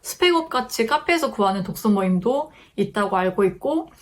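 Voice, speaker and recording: A woman's voice: mid-range voice, animated, brisk. A young woman giving casual self-improvement advice to her viewers in a friendly, chatty way, now and then acting out her own inner thoughts. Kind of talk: casual advice talk to camera.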